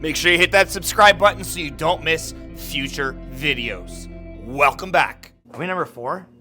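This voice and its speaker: A man's voice: fairly high pitch, normal speed, sharp tone, faint music behind. A middle-aged man hosting a casual home-renovation vlog, upbeat and chatty, talking to viewers at home and outdoors by a lake in winter. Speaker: vlogger.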